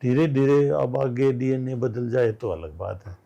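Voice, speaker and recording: An older man tells anecdotes in a relaxed interview. His voice is mellow and of middling pitch, and he acts out the voices of the people in his stories. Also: measured pace, vocal fry, highs cut off. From Haryana, India. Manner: storytelling, acting out quoted dialogue. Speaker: guest writer. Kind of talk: casual interview chat.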